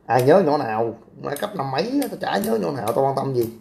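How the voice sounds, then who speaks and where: A man's voice: medium pitch, big pitch swings, quick pace, gravelly, mellow, a little hiss or hum. A young man, hosting a casual livestream, reading out comments and talking back in a brash, crude way. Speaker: livestream host.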